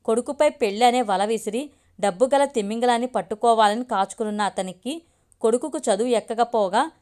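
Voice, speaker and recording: A woman reading a romantic family story aloud as the narrator, at a steady, even pace. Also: fairly high pitch, fairly quick.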